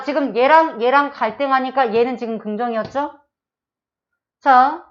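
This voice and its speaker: A woman's voice: high voice, muffled recording. A woman teacher giving an exam-prep literature lecture, explaining step by step and often checking with her students.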